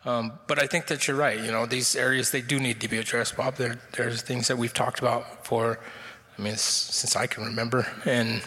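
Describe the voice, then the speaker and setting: Middle-aged man at a meeting, flat bright voice, halting, echoey hall. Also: medium pitch. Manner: halting, many restarts and fillers. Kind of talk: unscripted answer at a public meeting.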